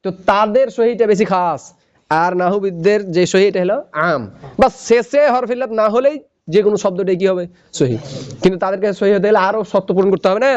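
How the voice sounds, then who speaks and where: A man teaches grammar in a lecture, his voice sitting high. He keeps asking questions and answering them himself. The recording sounds muffled and lo-fi. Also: fast talker, darkish tone. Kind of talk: classroom lecture.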